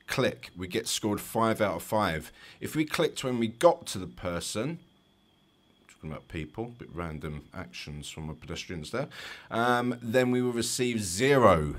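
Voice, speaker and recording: Over footage of a driving test, a London-accented man who works as a driving instructor talks through what's happening in a chatty, explanatory way, with some light humor. His pitch is fairly low.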